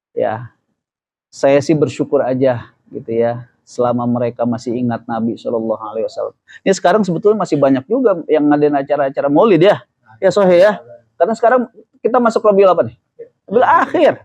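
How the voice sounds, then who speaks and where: Chatty man giving a relaxed Islamic talk. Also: fairly high pitch, dry recording, muffled recording. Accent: Indonesian. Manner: chatty, jokes and asks the audience questions. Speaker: ustadz giving a religious study talk. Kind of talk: casual mosque study sermon.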